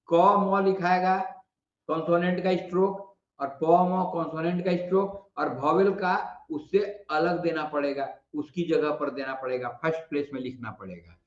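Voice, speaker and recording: Man, Bihari Hindi accent, shorthand teacher, high voice, patient repeated explanations, muffled echoey recording. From India. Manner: patient, drawn-out explanations, repeats sounds aloud. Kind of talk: classroom lesson explaining shorthand vowels.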